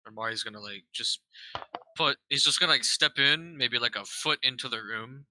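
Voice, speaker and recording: A man's voice: medium pitch, normal speed, pushed and bright, slight background noise, low-quality recording. A man playing a tabletop game, describing his character's actions and stammering with many fillers. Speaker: player.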